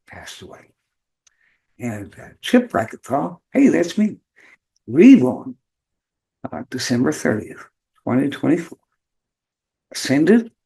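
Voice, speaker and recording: A man with a hoarse, worn voice hosting a show in an informal, halting monologue with rambling asides. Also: mid-range voice, mellow, rough recording. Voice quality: hoarse, beat-up voice. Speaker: host of a spirituality show.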